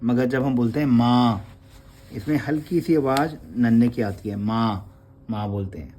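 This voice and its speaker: A man's voice: medium pitch, dark tone, slight background noise. A man teaching Gurmukhi script. He explains patiently and draws out each letter sound, addressing the class respectfully. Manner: slow, patient, drawn-out letter sounds, calls listeners sangat ji. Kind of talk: slow classroom explanation with prayer.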